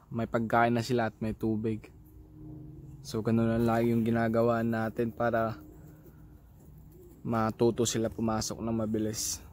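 A Filipino-accented man in the middle of his pitch range keeps his voice flat and even as he rambles through a casual outdoor vlog. He restarts often and fills pauses, filming himself by his pigeon loft. Faint outdoor ambience sits behind him. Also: a little hiss or hum. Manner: relaxed, rambling, many restarts and fillers.

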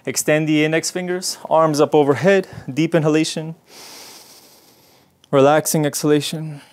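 A man's voice: on the high side, fairly even intonation, normal speed. A man teaching a guided yoga class, giving encouraging instructions and slightly out of breath.

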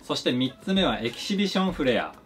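A man's voice: quick pace, over music. A man, a flair bartender, giving a polite, scripted explanation of his craft. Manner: polite, explanatory, lively pitch swings. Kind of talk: scripted educational narration.

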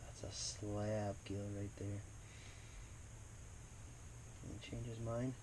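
A man vlogging while ice fishing on a frozen lake, talking quietly to himself and the camera as he fishes, with sudden excited bursts. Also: lowish voice, slow pace, background noise. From Wisconsin. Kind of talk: casual narration while fishing.

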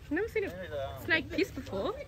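A young Australian woman in her twenties, filming on her phone from a car and then a street, excited and laughing between exclamations. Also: very high-pitched, a little fast, over a noisy crowd. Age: 20s. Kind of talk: casual chat. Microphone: phone held by the filmer.

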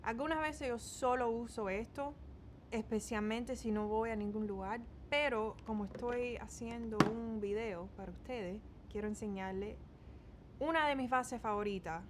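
This beauty vlogger is a Cuban-American woman in her twenties from Miami, chatting casually in Spanish sprinkled with English words while doing a makeup tutorial in a small bedroom. Her pitch is fairly high and her speed normal. The background is noisy.

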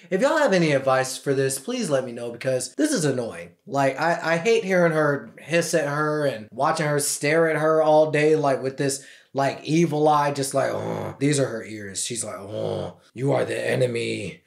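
A young man hosting a casual movie review, talking enthusiastically with slang and the occasional swear word. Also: a little high. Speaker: film reviewer host. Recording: echoey room.

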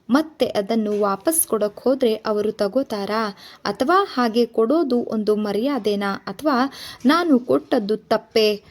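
A woman voicing a calm, gentle husband who speaks softly and patiently to his wife. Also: on the high side. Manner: soft, patient and unhurried. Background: background music.

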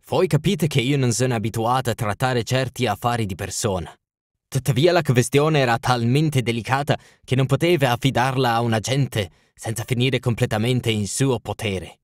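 A man's voice: medium pitch, normal speed, no room sound, studio quality, natural voice. An Italian man reading an audiobook, voicing a towering masked foreign king who speaks with solemn, formal urgency. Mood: urgent.

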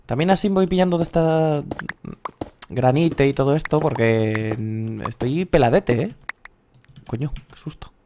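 Spanish man, thirties, Castilian accent, excitable gameplay commentator with a mid-pitched voice and faint noise. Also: measured pace. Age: 30s. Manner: excitable, swears freely, rambling. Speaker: gaming youtuber.

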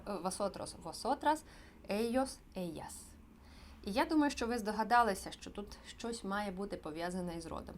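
A woman teaching an online beginner language lesson, explaining clearly and patiently with frequent pauses. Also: medium pitch, a little hiss or hum. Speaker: Spanish teacher.

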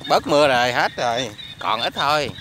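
A man's voice: mid-range voice, animated, fairly quick. A man vlogging outdoors on a rainy afternoon, chatting to his viewers and recording on a phone. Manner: chatty, addresses viewers constantly. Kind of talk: casual outdoor vlog commentary. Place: outdoors in rain at a quiet resettlement area. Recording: light rain and frog noise outdoors. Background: rain and frogs croaking.

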